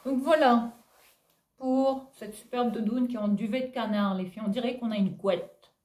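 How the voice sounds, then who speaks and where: A woman's voice: a little high, moderate pace, a little mellow. A woman from Réunion chatting at home to her followers about her clothes. She talks in a loose, friendly way, full of fillers and little laughs, and calls her viewers "les filles" over and over. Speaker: fashion vlogger. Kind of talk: casual haul video chat.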